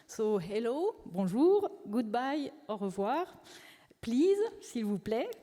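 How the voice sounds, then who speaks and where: Woman, hesitant, mellow voice. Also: fairly high pitch, big pitch swings, slow. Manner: hesitant, many filler sounds. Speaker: conference co-chair, sales manager. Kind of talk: formal welcome speech. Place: large conference hall. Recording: reverberant conference hall.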